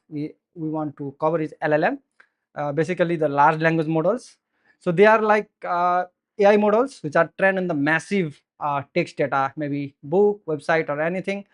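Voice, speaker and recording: A man from Nepal in his thirties with a Nepali accent, giving a meetup tech presentation into a handheld mic, earnest and explanatory with many "so" and "uh" fillers. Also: high voice. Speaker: software engineer giving a meetup talk. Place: meetup room with audience, indoors. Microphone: handheld microphone.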